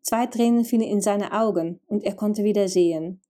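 Mellow woman telling a fairy tale. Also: medium pitch, normal speed. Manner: addresses the listener directly, gentle. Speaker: storyteller.

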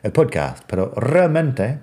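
A man's voice: medium pitch, very animated, slow, dark tone. A man teaching English pronunciation in a podcast lesson. He is a native English speaker and repeats each English word to model how it sounds.

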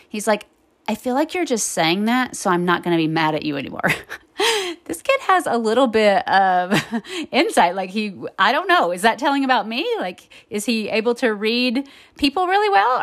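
A woman hosts her own podcast and tells a personal story in a candid, conversational way. Her voice sits at an ordinary middle pitch. She is self-deprecating and laughs often as she talks. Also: a bit bright. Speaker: podcast host and therapist.

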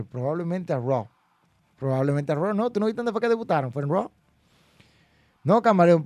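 A man's voice: high voice, darkish tone, dry recording. A man hosting a wrestling podcast, ranting indignantly about booking decisions and reading listener comments aloud. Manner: indignant, mocking, reads chat comments aloud. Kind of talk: animated solo commentary. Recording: dry close-mic with faint music.

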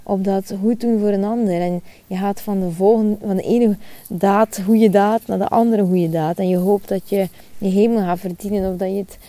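A woman's voice: medium pitch, fairly even intonation, normal speed, mellow, dry recording. A woman, hosting a spiritual podcast monologue outdoors in the sun, earnest and repeating her phrases. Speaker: podcast host.

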